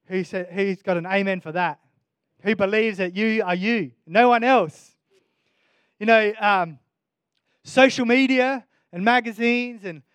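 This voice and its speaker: A man's voice: sits high, clear, resonant tone, dry recording. A male pastor giving a sermon in an earnest, conversational way, often restarting his sentences.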